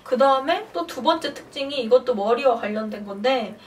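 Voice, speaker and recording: A young woman vlogger casually telling a personal story to camera, animated and acting out quotes. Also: high voice, fairly quick, distant mic. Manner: animated, acts out her own past shouts and quotes.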